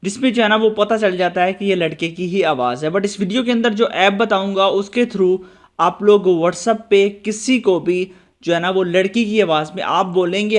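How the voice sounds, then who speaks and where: A high-pitched man hosts a tech tutorial channel, narrating a screen-recorded app tutorial. He speaks instructionally and keeps addressing his viewers directly.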